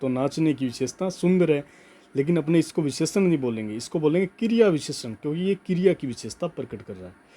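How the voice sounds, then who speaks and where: A man teaching a grammar class, slowly dictating notes and repeating key words, often checking in with "okay". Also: a little high, lively intonation, mellow. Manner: slow emphatic dictation, repeats words, frequent "ठीक है".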